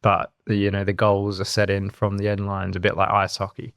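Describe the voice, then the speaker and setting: Gravelly Australian man chatting. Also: on the low side, a little fast, dry recording, studio quality. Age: 30s. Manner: rambling, relaxed storytelling with many fillers. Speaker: co-host. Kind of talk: casual podcast chat.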